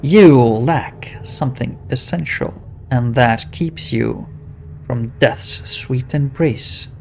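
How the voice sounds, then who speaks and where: A man voicing an ancient, solemn talking stone face from a fantasy game, creaky, with a slow, grave, drawn-out delivery. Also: mid-range voice. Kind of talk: dramatic reading of fantasy game dialogue. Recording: noticeable background noise.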